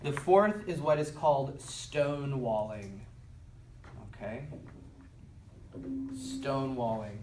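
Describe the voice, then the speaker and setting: A man's voice: mid-range voice, very animated, slow pace, long pauses. A man lecturing a class, checking in with "okay?" and acting out quoted lines. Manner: repeats "okay?" and acts out quotes. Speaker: teacher. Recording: roomy, from far off, some noise.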